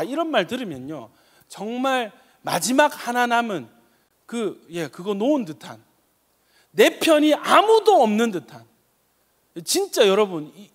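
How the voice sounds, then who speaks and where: A male pastor preaching a sermon with passion, swinging from loud emphatic peaks to soft quiet asides. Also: high-pitched, breathy edge. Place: church sanctuary. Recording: long reverb of a church sanctuary.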